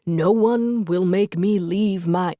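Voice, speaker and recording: A woman's voice: lowish voice, takes it slowly, mellow, no room sound, clean studio sound, voice pushed up. A woman voicing a brawny, hot-headed older male warrior who bellows stubbornly in a storybook reading. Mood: defiant.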